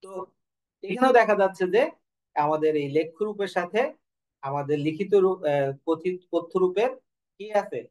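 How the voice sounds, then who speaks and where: A man's voice: high-pitched, normal speed, long pauses, a little mellow, poor audio. A man teaching an online class, asking questions and answering them himself, sometimes correcting himself. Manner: corrects himself mid-sentence. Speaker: Bengali teacher.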